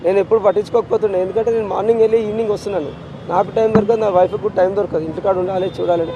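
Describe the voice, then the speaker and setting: Distraught Telangana father, fast and high. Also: fairly even intonation, muffled recording, background noise. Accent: Telangana Telugu. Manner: insistent, repetitive, emotional pleading. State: distraught with grief. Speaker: interviewee, grieving father. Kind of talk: street interview.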